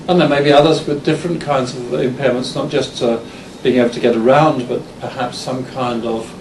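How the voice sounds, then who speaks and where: A university lecturer, a man in his fifties born in England and now from Denmark, speaks at a conference with an English accent and fairly even intonation in a mid-range voice. He hesitates frequently, restarting and using fillers, while the recording picks him up distantly in a noisy, reverberant hall.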